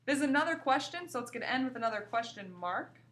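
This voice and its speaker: A woman teacher giving a recorded grammar lesson to young pupils, explaining slowly and reading example sentences aloud. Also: fairly high pitch, lively intonation, a bit bright. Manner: slow, clear explaining with examples read aloud. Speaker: grade school teacher.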